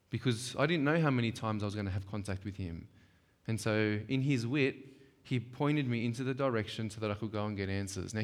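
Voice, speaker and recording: A man leading a church workshop session, talking conversationally and emphatically, often checking in with the audience. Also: medium pitch. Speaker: workshop speaker. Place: church hall. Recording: long hall reverb.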